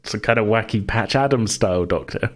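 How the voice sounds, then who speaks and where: A man whose voice sits notably deep hosts a podcast, talking a little fast with a slightly bright tone. His chat about the game he runs is casual and rambling, as if he's thinking aloud.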